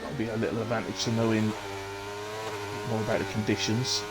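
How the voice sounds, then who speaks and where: A man's voice: on the low side, flat delivery, a little fast, very noisy. A man giving chatty, teasing live commentary on an online race. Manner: teasing, chatty, laughs often. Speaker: sim racing commentator.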